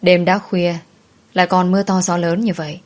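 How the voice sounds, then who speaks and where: A woman reading a story aloud in a calm, even scripted narration. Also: lowish voice, normal speed.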